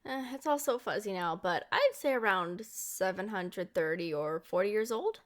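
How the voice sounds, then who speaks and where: In a natural mid-range voice at a moderate pace, she plays the centuries-old vampire girlfriend with a young appearance. The ASMR roleplay is sweet, affectionate and expressive toward the listener, and she sounds playful as she explains.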